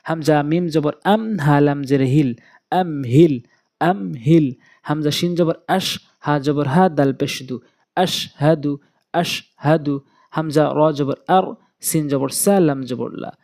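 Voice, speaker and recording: A man with a Bangladeshi Bengali accent teaching Quran reading step by step, slowly drilling and repeating letter sounds. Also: a little high, darkish tone. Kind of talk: step-by-step recitation lesson.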